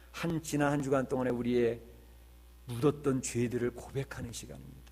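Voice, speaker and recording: Man, pastor, sermon, earnest, emphatic swells, rhetorical questions. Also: on the high side.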